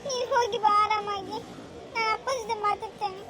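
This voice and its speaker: A performer putting on the voice of a village mother in a cartoon, softly comforting her daughter as she leaves. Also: very high-pitched, fairly even intonation, fairly quick, pitched below the performer's own voice. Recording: loud background noise.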